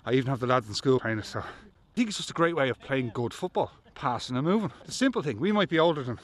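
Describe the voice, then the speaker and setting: A man's voice: mid-range voice, fast. A man in his fifties with an Irish accent, out of breath after playing football, talking enthusiastically outdoors. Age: 50s. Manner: enthusiastic, animated. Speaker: teacher and amateur player. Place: outdoor park.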